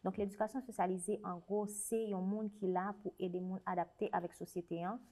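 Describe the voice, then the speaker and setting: The voice belongs to a young woman, a writer and special educator, with a Haitian French accent, who is being interviewed conversationally. Her medium-pitched, mellow delivery is quick and fairly even in intonation, while her manner stays earnest and reflective with many restarts.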